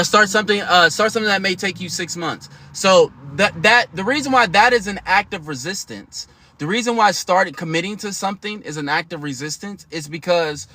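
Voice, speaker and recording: A man's voice: a little high, pushed and bright. A man in his thirties hosting a casual livestream, talking to viewers in a slangy, emphatic, chatty way. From United States. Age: 30s. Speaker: livestream host.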